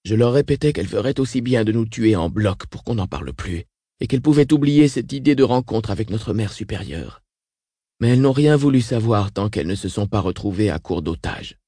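A frail, weakened old sister, read by a man, recounting horrors in a flat, unshaken tone. The voice is dark and mellow, recorded dry and close in an audiobook reading. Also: fairly low pitch, a little fast, breathy edge, no echo. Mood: grim.

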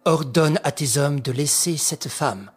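A man voicing a daring gentleman thief who gives cold, clipped commands with terrifying calm. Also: fairly high pitch, unhurried, husky. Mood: icy calm.

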